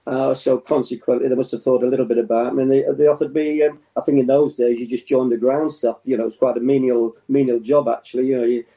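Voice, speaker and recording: An older man from England with a very dark, mellow voice recalls his playing days. He talks in a relaxed, halting way, restarting sentences and chuckling often. His pitch sits in the middle. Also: poor audio. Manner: halting, with many fillers and restarts and frequent chuckles. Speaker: former footballer, guest. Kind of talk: relaxed reminiscing interview.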